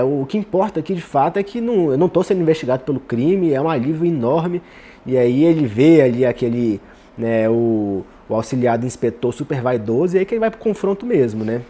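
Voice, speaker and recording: Mellow-voiced Brazilian man discussing a novel. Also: mid-range voice, slightly rough. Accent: Brazilian Portuguese. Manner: tags nearly every phrase with "né". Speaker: literary commentator and reader. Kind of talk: casual spoken literary commentary.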